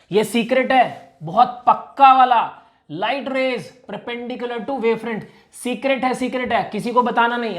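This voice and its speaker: A male physics teacher giving an energetic exam revision lecture, playfully asking and answering his own questions and slowly repeating key phrases. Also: high voice.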